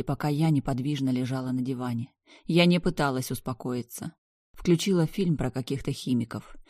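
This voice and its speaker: A woman's voice: deep voice, warm tone, dry recording, studio quality. A woman reading a first-person story aloud, her narration tense and intense. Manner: tense, intense, rising into anger. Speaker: audiobook reader.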